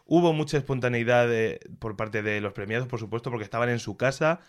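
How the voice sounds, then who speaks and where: A culture commentator from Castilla-La Mancha, Spain, with a Castilian Spanish accent, gives a casual conversational review. Talking fast at a middle pitch, he is colloquial and expressive, offering his opinions freely.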